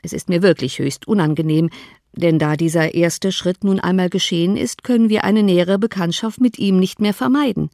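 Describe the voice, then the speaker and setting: A woman voicing an ironic, unhurried older father in an audiobook, speaking in a measured, teasing way. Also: lowish voice, dark tone, no room sound, clean studio sound, natural voice. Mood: mock-regretful. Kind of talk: audiobook character voice.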